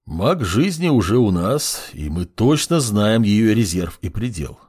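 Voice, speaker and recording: A man voicing a calm, coldly fascinated undead lich. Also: lowish voice, measured pace, husky, full character voice. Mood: cool. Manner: calm, coolly fascinated, softly menacing. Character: cold, curious undead lich mage, centuries old. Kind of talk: audiobook character reading.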